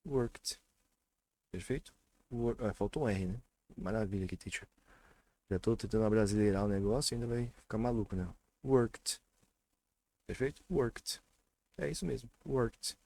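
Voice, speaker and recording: A man's voice: fairly low pitch, fast, dark tone, no room sound. A man from Brazil teaching English pronunciation in a casual online lesson, chatty, often repeating sounds with emphasis.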